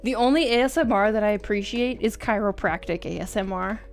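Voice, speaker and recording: With music playing behind her, a woman streaming her art talks informally and giggles through viewer comments, poking fun at herself. She speaks a little fast in a medium pitch.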